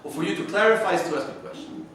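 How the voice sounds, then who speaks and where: A man leading an adult workshop, pressing the group with quick, repeated questions. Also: sits high, lively intonation, fairly bright tone. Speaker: workshop leader. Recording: echoey room, distant mic, noisy.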